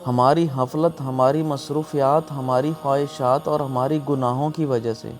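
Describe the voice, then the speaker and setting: A man's voice: mid-range voice, fairly even intonation. A man delivering a scripted, emotional sermon in an earnest, pleading way. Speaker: preacher. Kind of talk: scripted religious sermon narration. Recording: music behind the voice.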